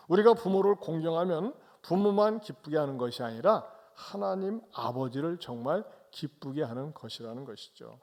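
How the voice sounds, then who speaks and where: Gravelly Korean pastor preaching. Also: male voice, on the high side, darkish tone. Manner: dramatic storytelling with rhetorical questions. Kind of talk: Sunday sermon. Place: church.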